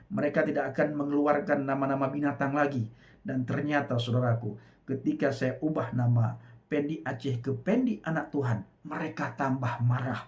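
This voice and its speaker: A middle-aged man preaches his own testimony with emphatic force. His voice sits a little high for a man, and his pitch swings widely from phrase to phrase. He keeps turning to address his listeners directly. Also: darkish tone.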